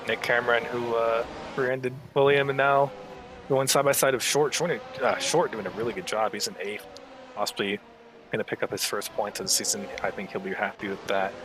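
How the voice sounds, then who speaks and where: A man's voice: mid-range voice, steady tone, fairly quick, noisy background. A man giving conversational live motorsport commentary as a co-commentator, a bit hesitant as he pieces the action together. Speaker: motorsport co-commentator in an online sim racing broadcast.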